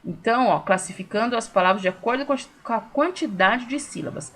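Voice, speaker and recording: A woman with a Brazilian Portuguese accent, a primary school teacher recording a class for young children, who explains slowly and patiently and stretches words out to sound out their syllables. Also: fairly high pitch, expressive, a bit bright.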